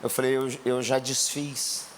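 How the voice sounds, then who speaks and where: A Brazilian man preaching a sermon, telling a testimony in a colloquial way and rising to shouts. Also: medium pitch, flat delivery, unhurried, a little hiss or hum. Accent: Brazilian Portuguese. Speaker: pastor.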